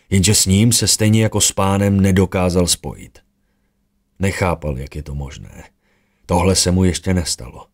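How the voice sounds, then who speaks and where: Man, deep voice, fantasy audiobook narration, steady storytelling.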